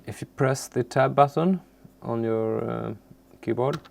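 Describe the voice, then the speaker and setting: Halting and groping for words, a non-native English-speaking man walks through a software tutorial without a script. He speaks at a medium pitch with a creaky quality.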